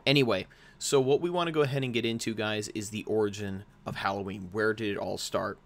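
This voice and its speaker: A man's voice: on the low side, fairly even intonation, a little fast. A young American man in his twenties hosting a casual explainer, rambling with frequent fillers and restarts. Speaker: host.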